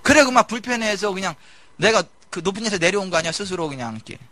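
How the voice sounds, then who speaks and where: A male pastor giving a lively sermon, mimicking people and shouting his emphases. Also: high-pitched, fast talker, no echo. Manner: animated preaching, mimicking congregants, shouting emphases. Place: church sanctuary.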